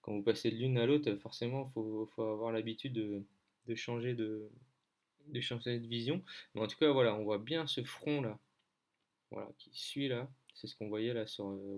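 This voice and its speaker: Thinking out loud with plenty of fillers, a French weather-map tutor gives a hesitant, casual lesson over screen share. His voice is fairly low in pitch and darkish in tone.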